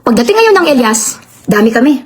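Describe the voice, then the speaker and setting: Fast-talking high-voiced indignant woman. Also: very animated, crowd noise. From Canada. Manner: indignant, rapid-fire, peppered with rhetorical questions. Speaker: live-stream host and promoter. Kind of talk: heated live-stream rant. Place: home with barking dogs nearby.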